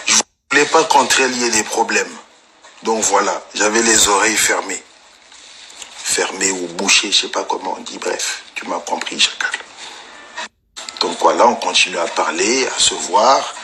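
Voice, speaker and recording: A young man casually telling an anecdote in slangy, animated street talk. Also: low-pitched, normal speed, noisy background. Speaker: storyteller guest.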